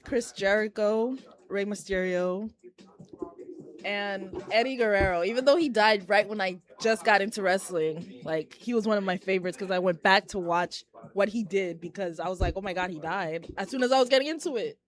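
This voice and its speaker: In a casual interview held indoors at a collectibles shop, a young Haitian woman, a professional wrestler, talks openly and chattily. She laughs easily, and her mid-range voice moves at a normal speed.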